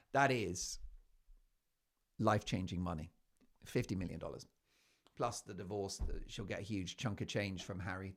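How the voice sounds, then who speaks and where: A man hosting a talk show, delivering emphatic, opinionated commentary with playful mocking asides. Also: on the low side. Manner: emphatic, animated, keeps asking "right?". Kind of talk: opinionated news commentary monologue.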